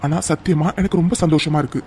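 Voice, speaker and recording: A man voicing a doting young man in a cartoon love story, teasing and then gently comforting his crying sweetheart. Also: fairly high pitch, fairly even intonation, fast, slightly rough. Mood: coaxing. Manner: coaxing, affectionate and teasing. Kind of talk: cartoon voice acting.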